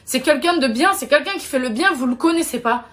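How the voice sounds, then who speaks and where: A woman's voice: high-pitched, lively intonation, fairly quick, fairly bright tone. A young woman ranting in a heated, indignant way at her followers, repeating her points. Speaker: social media personality. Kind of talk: angry rant to followers.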